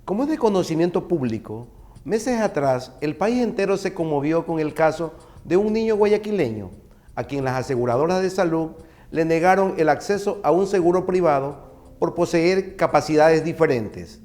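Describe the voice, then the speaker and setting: A man's voice: a little high, expressive, moderate pace, a little mellow. An Ecuadorian man hosting a programme, presenting in a formal, scripted style. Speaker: programme host.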